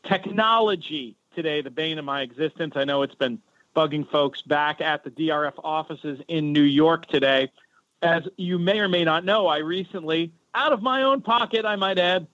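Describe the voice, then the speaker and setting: A chatty man hosts a podcast, talking in a loose, rambling way. His voice sits a little high and comes through a cell phone held to his head, so it sounds tinny and dull. The sound is dry, with no room echo. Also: normal speed, fairly bright tone. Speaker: podcast host. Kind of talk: casual podcast talk. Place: home in a city neighborhood.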